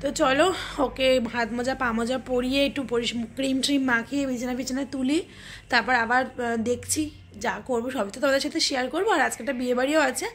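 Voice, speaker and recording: A woman's voice: sits high, fairly even intonation, quick pace, a little hiss or hum. A young woman, a new mother, chatting casually to viewers in a home vlog, talking directly to the camera. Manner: drops to a hushed voice while baby sleeps. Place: family home by a river.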